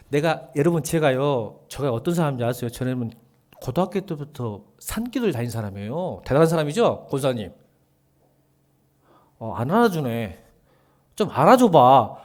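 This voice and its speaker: Lively high-voiced pastor, jokes around with the congregation, suddenly yells, twang here and there. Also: male voice. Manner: animated, joking with the congregation, bursts into shouting. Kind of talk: sermon. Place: church sanctuary.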